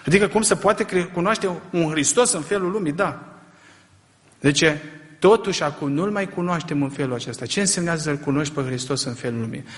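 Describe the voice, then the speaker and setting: A middle-aged male preacher with a high voice delivers an impassioned sermon. He fires rhetorical questions at his listeners and climbs to loud peaks. His voice rings out with the long reverb of a large church hall.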